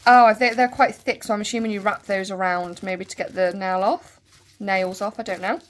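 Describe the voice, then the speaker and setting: A woman with a Bristol accent chatting casually as she unboxes a nail kit and thinks out loud. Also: mid-range voice, fairly even intonation, moderate pace. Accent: Bristol English. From Bristol, England. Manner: chatty, thinking aloud, trailing asides. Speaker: nail vlogger.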